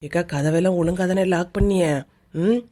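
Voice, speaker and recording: A woman with a Kanyakumari Tamil accent voicing a young village woman who calmly teases and reassures her scared companion. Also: lowish voice, moderate pace, natural voice. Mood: teasing. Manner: calm, sly, teasing.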